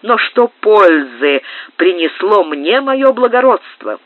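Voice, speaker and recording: A woman's voice: mid-range voice, big pitch swings, slow pace, dry recording, voice pushed up. A woman reading an audiobook, voicing a domineering, jealous marquis who speaks coldly and insinuatingly. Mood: brooding. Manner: cold, insinuating. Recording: tinny narrow-band dry digitized tape.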